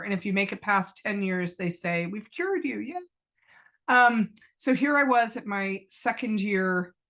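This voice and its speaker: Middle-aged woman guest, medium pitch, earnest personal storytelling with quoted dialogue. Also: fairly bright tone. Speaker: podcast guest.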